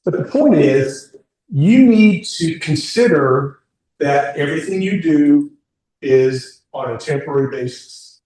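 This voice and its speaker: Speaking slowly in a slightly high, darkish, expressive voice, a man in his sixties leads a group through a career workshop. His talk is informal and candid, full of questions for the people in the meeting room. Echo fills the room, and the mic is distant.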